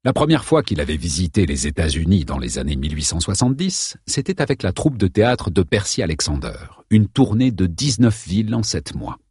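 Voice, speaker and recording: Husky-voiced man narrating an audiobook. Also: deep voice, very animated, fairly quick, hardly any pauses, a little mellow, no echo, studio quality. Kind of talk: scripted narration of a novel.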